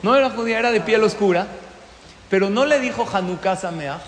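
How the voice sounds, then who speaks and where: High-voiced man preaching in an echoey hall. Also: a little fast, a little hiss or hum. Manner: animated storyteller, asks the audience questions. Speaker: religious teacher. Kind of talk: storytelling sermon to an audience. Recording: echoey hall with long reverb.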